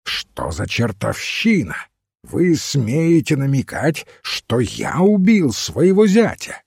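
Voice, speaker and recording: A hoarse, curt old frontier veteran, read by a man in an audiobook. His voice is husky and mellow and his delivery is unhurried. The recording is dry and close. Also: mid-range voice, expressive, dry recording, full character voice. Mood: angry. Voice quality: hoarse, growling. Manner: curt and grumbling. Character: gruff old male frontier veteran, touchy.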